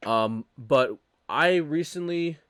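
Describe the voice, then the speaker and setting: A young man hosting his own podcast, talking casually and rambling with frequent self-corrections and animated opinions. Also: fairly high pitch, slow, clean tone, no echo, clean studio sound. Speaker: podcast host. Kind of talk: casual solo podcast commentary.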